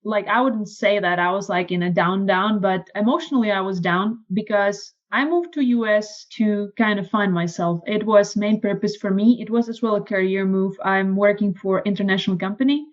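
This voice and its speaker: A woman with a Czech accent, a podcast guest telling her story in casual conversation, lively and acting out quoted lines. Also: moderate pace, hardly any pauses, highs cut off. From Czech Republic. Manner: animated, acts out quoted lines in a higher voice.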